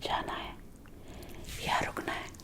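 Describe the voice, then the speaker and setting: In an ASMR roleplay, a woman whispers as a protective, centuries-old vampire girlfriend, hushed, tender, and tempting, close to a binaural mic. Her voice is slow and natural.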